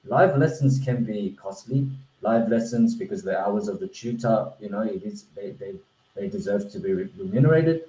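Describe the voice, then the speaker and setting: Presenting his language-learning platform in an online webinar, an Australian founder speaks in a mellow, mid-range voice. Korean is his first language. The video-call audio has a roomy echo, and his earnest delivery is full of restarts and fillers.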